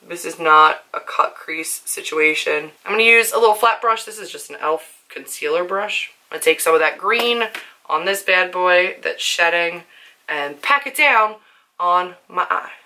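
Young female beauty vlogger, voice hoarse and rough, lowish pitch, bright tone, rambling casual delivery. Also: animated, normal speed. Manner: chatty, filler-heavy, self-deprecating. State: hoarse from screaming. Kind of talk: casual makeup demonstration.

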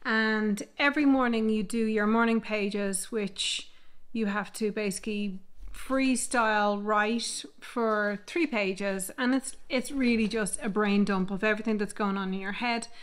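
A woman's voice: medium pitch, steady tone, unhurried. A woman in her fifties, an artist chatting candidly and reflectively in a casual vlog from her home studio. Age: 50s. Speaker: artist vlogger. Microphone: microphone she moves away from and back to.

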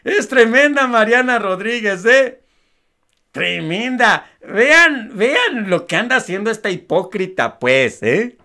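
A man with a Mexican Spanish accent comments on a clip in a mocking, scornful tone. He talks slowly, and his pitch rises and falls widely. He laughs often. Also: big pitch swings, bright, forceful tone. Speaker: news commentary host.

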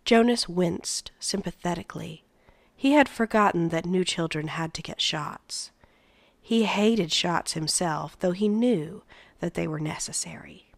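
A woman reading a novel aloud in a soft voice that often drops near a whisper. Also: on the low side, measured pace, vocal fry, no echo. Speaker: read-aloud narrator.

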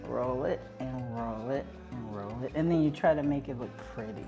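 A woman chatting casually while demonstrating a recipe, relaxed and laughing. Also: a bass voice, moderate pace, muffled recording, over music. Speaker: cooking demonstrator. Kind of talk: casual cooking chat.

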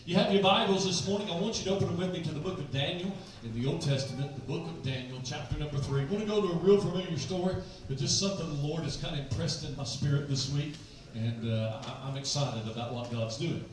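A fifty-seven-year-old man preaching from a pulpit into a handheld mic, folksy and quick, often repeating himself. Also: on the high side, slight background noise. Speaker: pastor. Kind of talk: sermon. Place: church sanctuary, large room. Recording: roomy church sound from far off.

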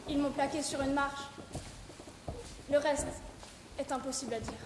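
War captive for stage tragedy, young female actor: high, anguished declamation, echoey noisy theater. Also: little pitch movement, moderate pace, lightly acted. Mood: haunted, anguished. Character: traumatized young captive woman recounting capture. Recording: echoey theater, clear background noise.

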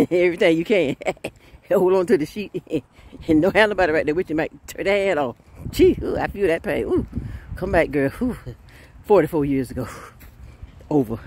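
A woman, preaching a sermon in a lively folksy way and laughing often. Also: on the low side, husky.

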